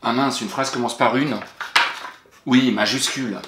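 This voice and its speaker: A man's voice: mid-range voice, fairly even intonation, a little slow, background noise. A man teaching young pupils, correcting exercises patiently, spelling words letter by letter and praising the child. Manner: addresses the child directly and familiarly. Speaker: primary school teacher. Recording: roomy echoey recording.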